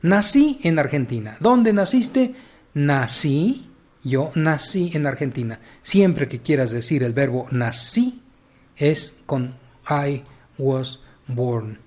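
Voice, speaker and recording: A man's voice: a little high, expressive, slow pace, darkish tone. Patient Mexican man teaching grammar. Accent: Mexican Spanish. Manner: patient, repetitive, addresses the listener directly. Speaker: English teacher. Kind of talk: explaining grammar to students.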